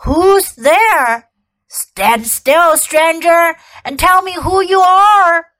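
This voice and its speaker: Storybook wolf: a snarling, threatening male guard beast, put on by a woman reader, loud and growling. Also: very high-pitched, extremely slow, pitched above the performer's own voice, exaggerated voice. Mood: menacing.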